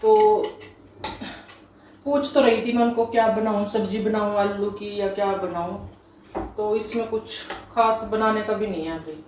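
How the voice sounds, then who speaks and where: A housewife vlogger from Haryana, India, chats in a homely, direct way to viewers in a casual home vlog, filmed on a phone in her kitchen. Her voice is medium-pitched, steady and measured, a little mellow. The room is echoey, with a ceiling fan humming in the background.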